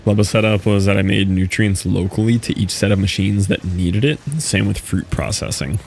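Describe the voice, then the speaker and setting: Young man, game streamer, gravelly low voice, rambling casual chatter, faint background hiss. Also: fairly even intonation, moderate pace, a little mellow. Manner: rambling, laid-back, many "like" and "you know" fillers. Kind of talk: casual live-stream commentary while playing.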